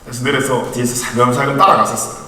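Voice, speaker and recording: Racing along in a steady, mid-range voice that comes across pushed and bright, a man in his thirties preaches conversationally to young adults as a youth ministry evangelist. He tells family stories with gentle humor, recorded from a distance in an echoey church hall.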